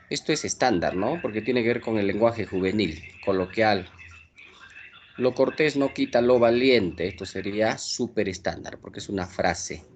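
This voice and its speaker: A man teaching an online language class, possibly with a Peruvian accent, moving quickly through exercises and checking in with his students. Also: mid-range voice. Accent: Peruvian Spanish. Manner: brisk, checks understanding with frequent tag questions.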